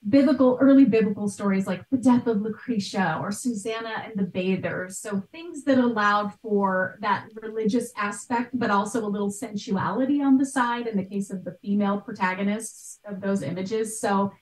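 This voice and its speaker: Joining a video call as a guest expert, a woman art history podcaster explains ideas conversationally and articulately at a moderate pace, barely pausing. Her medium-pitched voice comes from a small, bright room at home, picked up by a mic at some distance that sounds roomy.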